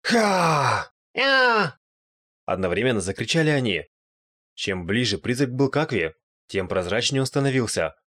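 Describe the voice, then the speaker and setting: A man narrating a first-person fantasy audiobook in a lively, dry storytelling manner. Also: on the low side, a little fast.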